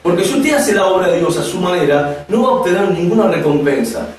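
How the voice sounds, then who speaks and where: Emphatic high-voiced preaching man. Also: lively intonation, a little fast, a little mellow, recorded from a distance, a little hiss or hum. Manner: emphatic, repetitive preaching with rhetorical questions. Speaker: pastor teaching a Bible course. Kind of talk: sermon teaching to a camera audience. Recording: echoey room, voice from off the mic, faint ambience.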